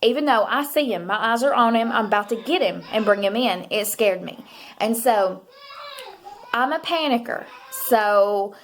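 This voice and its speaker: A woman's voice: mid-range voice, moderate pace, slight background noise. A young adult woman, chatting to camera as she tells a story, rambling with many fillers and asides. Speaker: mother and vlogger.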